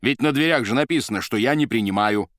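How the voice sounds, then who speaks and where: A man's voice: mid-range voice, fast talker, a bit bright, no echo, studio quality, voice pushed up, close to an everyday voice. A man doing a haughty talking suit. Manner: curt and arrogant. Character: haughty, irritable talking empty suit, male.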